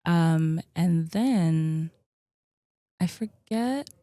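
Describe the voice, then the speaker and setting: A podcast guest in her thirties, co-owner of a gym, draws out her words in a fairly low-pitched voice during a relaxed, conversational interview. She chats easily, using many "likes" and "ums." The studio sound is clean and dry.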